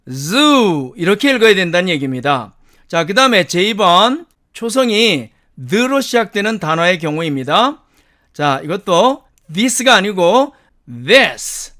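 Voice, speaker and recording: A man with a Korean accent, lecturing on English pronunciation and repeating each example word slowly. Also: high-pitched, sharp tone. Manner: explains step by step, repeats example words in English. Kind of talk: recorded lecture.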